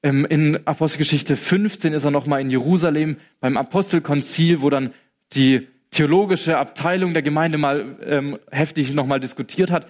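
A man preaching a sermon, retelling scenes in a lively, colloquial way and acting out the quotes. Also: fairly high pitch, moderate pace.

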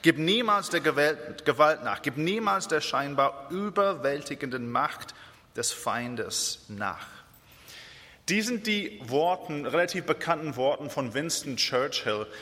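A man from Israel preaching a sermon in German, earnest, with hesitations and slow repeated phrases for emphasis. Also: fairly high pitch, animated, bright, forceful tone. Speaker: guest preacher. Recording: reverberant church hall.

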